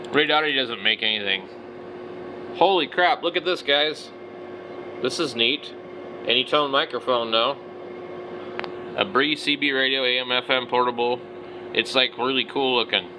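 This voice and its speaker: Over background noise, a middle-aged hobby vlogger with a medium-pitched voice offers unscripted, casual commentary. He is blunt and opinionated, and some of his wording is slangy.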